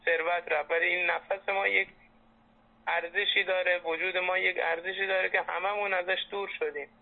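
Gravelly young man on a landline phone. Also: high-pitched, flat delivery. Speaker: interviewee, former patient. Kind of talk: reflective phone conversation. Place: telephone call. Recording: muffled landline phone call.

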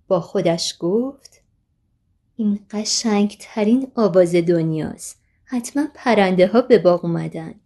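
A woman narrating a children's storybook with gentle, expressive delivery. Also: medium pitch.

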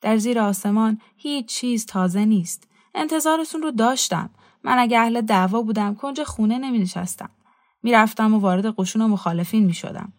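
A woman's voice: a little high, close to an everyday voice. A woman reading a weary, bitter reclusive man in a storybook, giving him curt, resigned replies.

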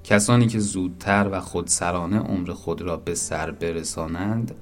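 A man voicing a gentle old bridge in a storybook, speaking slowly and sorrowfully. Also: sits low, faint music behind, natural voice. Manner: slow, sorrowful, patient. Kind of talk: storybook narration.

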